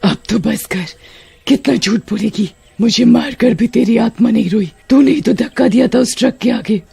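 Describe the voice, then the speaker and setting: A woman voicing a stern, protective witch spirit in a storybook tale, speaking low and hushed. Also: measured pace, breathy edge.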